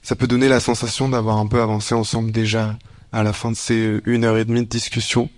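A man's voice: fairly low pitch, flat delivery, quick pace. A young man of eighteen explaining things informally to a group. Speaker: civic service volunteer, note-taker.

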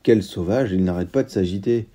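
A man voicing a naive, excitable young farmhand, loud and boisterous, in a read-aloud story. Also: low-pitched, brisk.

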